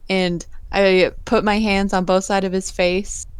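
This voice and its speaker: A woman playing a tabletop game, talking gently and hesitantly as she describes her character's actions. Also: medium pitch, little pitch movement, unhurried, smooth, dry recording. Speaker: player.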